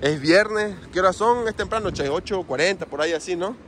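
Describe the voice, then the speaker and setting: A young Mexican-accented host walks along a seaside border wall, casually vlogging and joking with viewers in slang. His high voice is a little fast with a fairly bright tone. The rough outdoor recording carries wind and the crash of surf.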